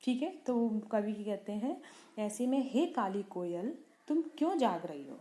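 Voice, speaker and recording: A woman teacher explaining a poem line by line. She asks questions and answers them herself, and she slows down for the poem lines. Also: mid-range voice, sing-song, mellow, reverberant. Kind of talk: Hindi poem explanation lesson.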